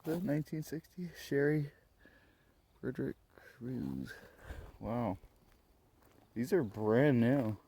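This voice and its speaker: Medium-pitched and sing-song, this man speaks slowly with long pauses in a dark, slightly rough tone. He's vlogging while exploring a graveyard at night, offering loose, fragmentary remarks. The handheld outdoor audio is noisy, with clicks.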